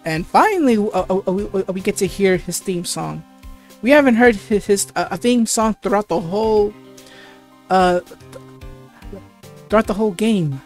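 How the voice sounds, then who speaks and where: A woman's voice: mid-range voice, moderate pace, long pauses, a little mellow, soft background music. A woman hosting a let's play, giving stammering, hesitant gaming commentary.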